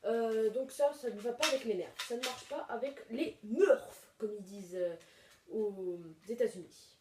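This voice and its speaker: Casual home-video host, woman, high voice, halting and rambling, noisy room. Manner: rambling, many hesitations and fillers. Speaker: video host reviewing toy blaster magazines. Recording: echoey room, mic far off, noisy.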